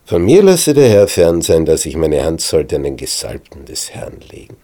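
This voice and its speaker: An eager soldier whispers urgent words in the dark, as a storyteller puts him on. The voice is breathy, low and dark, with slow, careful phrasing. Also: male voice, huge pitch swings, full character voice.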